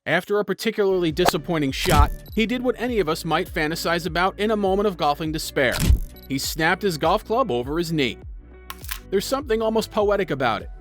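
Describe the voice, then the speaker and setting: A man's voice: sits high, expressive, a little fast. A man delivering scripted video narration in a dramatic storytelling manner. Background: music.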